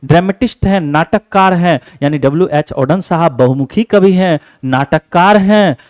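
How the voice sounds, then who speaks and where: A man's voice: on the high side, moderate pace, a little mellow, dry recording, studio quality. A male teacher giving an exam-focused lesson, asking the class questions and answering them himself, repeating each point.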